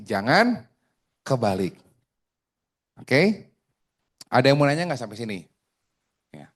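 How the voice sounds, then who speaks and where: Joking insurance sales trainer. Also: male voice, medium pitch. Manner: joking, chatty, asks the room questions. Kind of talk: casual training talk to a group.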